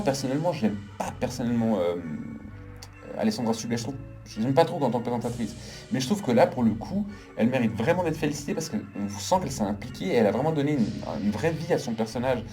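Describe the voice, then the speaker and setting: A man's voice: medium pitch, warm tone. A man giving a casual, opinionated film review in an emphatic way, piling on intensifiers. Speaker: film critic.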